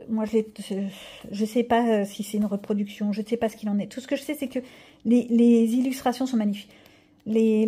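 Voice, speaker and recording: A woman's voice: fairly high pitch, dark tone. A middle-aged woman chatting casually in a haul vlog, rambling with fillers and restarts as she shows her purchases. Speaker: coloring channel vlogger.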